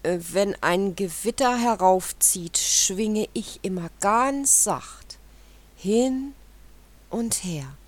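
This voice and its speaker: A woman's voice: on the low side, animated, a little slow, few pauses, pitched above the performer's own voice. Woman doing a boastful, half-whispering spider. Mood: self-important. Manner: self-important, partly whispered. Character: boastful self-important spider.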